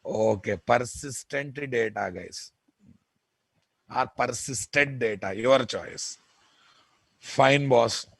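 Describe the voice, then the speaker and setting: Slow-paced man with a Telugu Indian accent. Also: medium pitch, creaky, a bit bright, no echo. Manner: repetitive, emphatic, often checks with listeners. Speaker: programming instructor. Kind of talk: informal software lecture.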